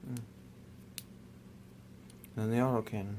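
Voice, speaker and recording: A young man talks casually at his desk, rambling and restarting his sentences. His voice sits a little low and barely moves in pitch. A faint hiss runs under it. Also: unhurried. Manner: rambling, relaxed, many fillers and restarts. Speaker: miniature painter. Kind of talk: casual hobby tutorial.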